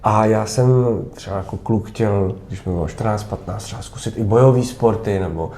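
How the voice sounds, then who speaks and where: A thirties-aged male actor, interviewed backstage at a theatre, gives considered answers with pauses and restarts. He speaks in a fairly low, slightly mellow voice, and the room sounds echoey.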